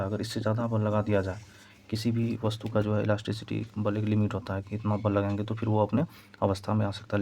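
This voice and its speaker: A man's voice: on the low side, warm tone, a little hiss or hum. A man teaching an exam-prep physics lesson, explaining step by step and repeating key points. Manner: repetitive, explaining step by step while writing.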